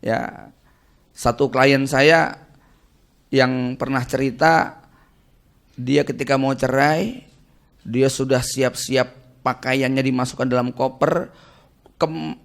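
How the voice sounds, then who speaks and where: A man giving a casual Islamic study lecture as preacher and family counselor, talking conversationally and animatedly and tagging his phrases with little checks to the audience. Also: medium pitch. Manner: conversational, tags nearly every phrase with "ya" and "gitu kan"; animated, jumps between stress and quiet asides.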